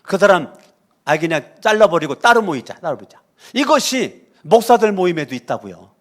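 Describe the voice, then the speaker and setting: A man pastor preaching a sermon, fervent, dropping low and then leading shouted prayers. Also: big pitch swings, normal speed. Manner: leads the congregation in loud shouted prayers; fervent, preaching with dramatic drops and rises in volume.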